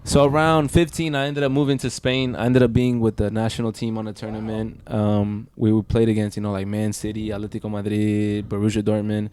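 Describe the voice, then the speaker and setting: A man's voice: lowish voice, flat delivery, a little fast, few pauses, darkish tone, smooth. A young man from Colombia, a podcast guest, telling his story in a laid-back way with many fillers. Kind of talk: casual podcast chat.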